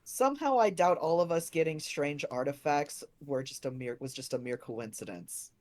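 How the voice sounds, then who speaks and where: A woman's voice: deep voice, lively intonation, moderate pace, darkish tone. A woman playing a tabletop game, talking informally and jokingly as she improvises her character's part. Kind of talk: casual improvised play.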